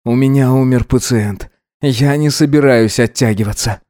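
A man's voice: mid-range voice, normal speed, a little mellow, no room sound, clean studio sound, natural voice. A man voicing a tired, grieving young surgeon who speaks in a restrained way in an audiobook reading. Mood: weary. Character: weary young male surgeon, grieving and hurt.

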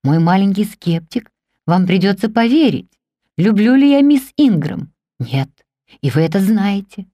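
A woman reading the part of a passionate middle-aged man in an audiobook, pleading in a low, intense voice. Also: lively intonation, unhurried, mellow, no echo, studio quality. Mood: ardent.

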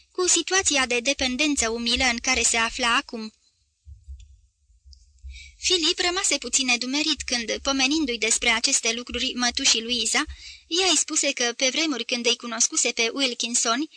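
A woman narrating a literary novel as an audiobook, with a measured, even delivery. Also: high-pitched, dry recording.

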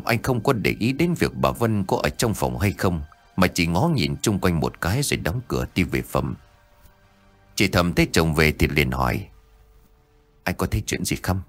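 A man narrating a ghost story with a lively, dramatic reading. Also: low voice, dry recording.

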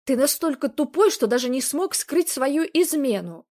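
A woman reading the part of a betrayed young woman who accuses and shouts at her cheating boyfriend. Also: on the high side, normal speed, voice pushed up, close to an everyday voice. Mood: accusing. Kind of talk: storybook reading.

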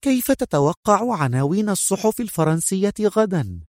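A spirited young woman with a high, lifted voice, sharp and quick to bristle, as a male storyteller puts her on. The reading is dry and close, with no room around it. She lives inside an audiobook spy novel. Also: sing-song, no echo. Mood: soft. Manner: sharp, indignant, raised falsetto.

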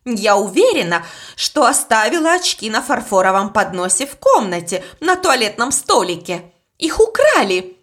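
A woman's voice: medium pitch, very animated, moderate pace, a bit bright. Haughty angry governess, as a woman reads her. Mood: angry, accusing. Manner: snapping, accusing.

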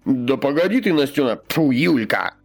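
A man's voice: mid-range voice, expressive, normal speed, gravelly, faint music behind, voice pushed up. A man reading an audiobook, voicing a hot-tempered old male war captain who blusters and shrieks. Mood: flustered.

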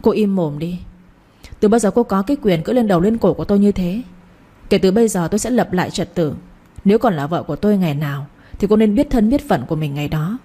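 A woman's voice: mid-range voice, expressive, quick pace, warm tone, natural voice. A woman voicing an angry young husband who scolds his wife sharply in a read-aloud story.

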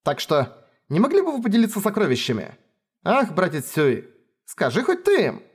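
A man voicing a brash, greedy young woman who demands treasure, in a raised, lively tone. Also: sits high, moderate pace, breathy edge, pitched above the performer's own voice, full character voice.

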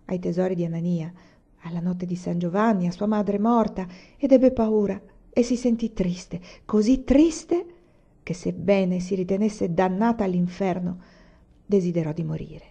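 A woman reading a novel aloud in a measured, expressive way. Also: lowish voice, dull audio. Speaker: audiobook reader. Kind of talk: scripted narration of a novel.

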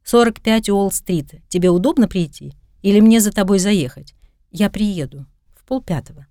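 A woman's voice: mid-range voice, moderate pace, dark tone, dry recording, clean studio sound, close to an everyday voice. A woman voicing a confident, playful young male New York cop in an audiobook. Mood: teasing. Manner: playful, self-assured.

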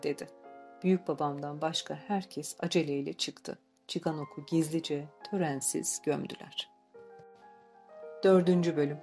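Woman reading a novel aloud, warm low voice, soft music under it. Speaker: audiobook reader. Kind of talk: scripted narration. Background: faint background music.

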